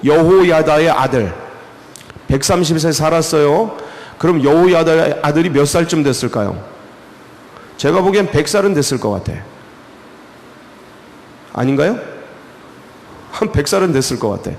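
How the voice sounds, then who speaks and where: Gravelly animated Korean pastor. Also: male voice, a little high, normal speed, long pauses, in a large hall. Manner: animated, rhetorical questions, colloquial. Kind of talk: early-morning sermon. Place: church sanctuary.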